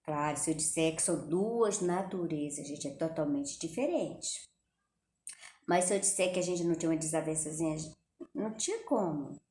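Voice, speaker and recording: In her home kitchen, a middle-aged Brazilian woman vlogs casually, speaking straight to her viewers and frequently slipping in religious phrases. Her deep, darkish voice has lively intonation at a normal speed. The room is echoey, with faint ambience in the background.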